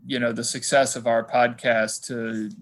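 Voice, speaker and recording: A man's voice: medium pitch, little pitch movement, a little slow, fairly bright tone. A man co-hosting a casual podcast, earnest and teasing. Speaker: podcast co-host.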